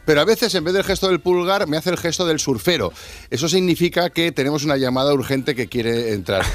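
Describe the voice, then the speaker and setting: A man's voice: on the high side, animated, fairly quick. A man with an accent from Spain presenting a comic radio segment, taking calls with repetitive, exasperated interjections.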